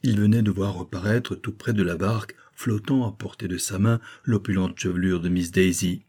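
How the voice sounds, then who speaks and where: Male audiobook narrator, low and husky. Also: steady tone, moderate pace, darkish tone. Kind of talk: scripted narration.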